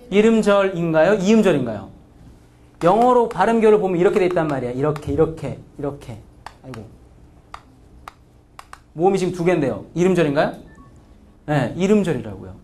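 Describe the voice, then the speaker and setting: A man lectures on English grammar with a high voice that leaps up and down. He keeps asking the class questions and sounds out example words syllable by syllable. He slides between casual and polite speech. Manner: lively, asks students frequent questions; acts out pronunciations.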